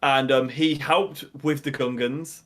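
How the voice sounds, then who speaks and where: A man's voice: medium pitch, fairly even intonation, a little slow. A young man chatting casually on a podcast in a playful way. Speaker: podcast co-host. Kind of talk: casual chat.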